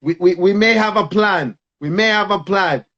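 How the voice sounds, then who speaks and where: A man's voice: high-pitched, moderate pace, pushed and bright, highs cut off. A man hosting a live stream. He pleads with insistent repetition over an online call, and his audio is choppy and keeps breaking up. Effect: choppy, breaking-up internet connection. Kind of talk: casual live-stream chat. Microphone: online video call.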